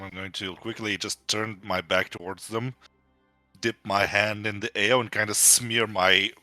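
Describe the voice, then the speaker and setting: A man's voice: lowish voice, bright, forceful tone, no echo. A man playing a tabletop game who lays out his character's actions step by step. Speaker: player.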